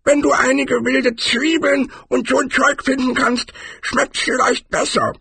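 A man voicing an old, gruff and boastful barbarian who lectures in an audiobook. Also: extremely high pitch, flat delivery, unhurried, sharp tone, no room sound, pitched above the performer's own voice, exaggerated voice. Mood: lecturing.

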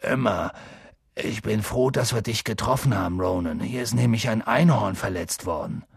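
A man voicing a huge, gruff half-giant gamekeeper in an audiobook, with a rough, grim and wary way of talking. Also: fairly low pitch, normal speed, dry recording, clean studio sound. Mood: relieved. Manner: grim, wary, gets loud and impatient. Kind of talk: audiobook character voice.

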